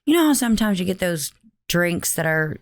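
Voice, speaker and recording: A woman's voice: lowish voice, sing-song, fairly quick, no room sound, studio quality. A woman as a podcast guest, chatting casually with short, laid-back replies. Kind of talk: casual chat.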